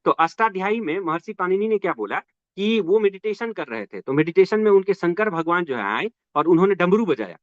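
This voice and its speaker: A man's voice: high voice, sing-song, fairly quick, no echo, muffled recording. A man teaching an exam-prep grammar lesson, asking his students rhetorical questions and answering them himself, with frequent check-ins.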